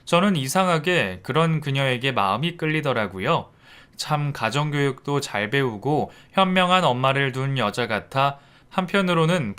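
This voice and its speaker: A man narrating a personal story in the first person, in a calm, reflective, confessional way. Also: mid-range voice, clear, resonant tone.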